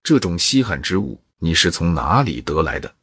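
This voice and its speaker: A man's voice: low-pitched, sing-song, moderate pace, fairly bright tone, husky, no echo, studio quality, exaggerated voice. A man telling a story and voicing a shrewd, middle-aged shopkeeper in his own plain voice. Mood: scheming. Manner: plain storyteller's voice with little change.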